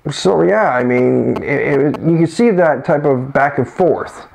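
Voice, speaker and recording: A man's voice: fairly high pitch, unhurried, gravelly, darkish tone, poor audio. A man co-hosting a casual chat, rambling along with frequent restarts. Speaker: co-host.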